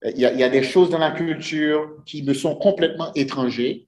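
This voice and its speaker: Earnest preacher in an echoey church. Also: male voice, fairly high pitch, a little fast, a little mellow. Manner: earnest, asks the congregation rhetorical questions. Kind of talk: sermon. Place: church sanctuary.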